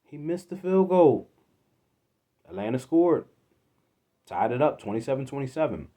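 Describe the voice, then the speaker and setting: A man from Philadelphia hosting a solo sports podcast, exasperated, swinging from loud outbursts to low muttering. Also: sing-song, normal speed. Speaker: podcast host.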